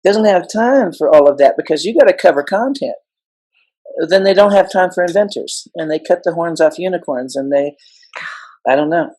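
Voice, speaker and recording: A man's voice: high voice, expressive, moderate pace, a little mellow, poor audio. A middle-aged man telling his story as a guest in a casual interview, impassioned and emphatic with a joking streak. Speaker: guest educator.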